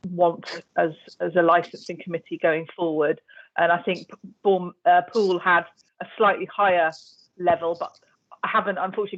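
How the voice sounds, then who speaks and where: A woman's voice: on the low side, fairly bright tone. A woman council officer answers a question over a video call, flustered and self-deprecating. Her audio comes through dull and lo-fi.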